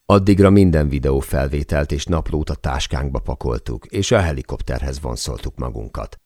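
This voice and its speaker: A man reading a first-person memoir aloud as an audiobook narrator, in a measured, deliberate way. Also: extremely low pitch, lively intonation, a little mellow, no echo, studio quality.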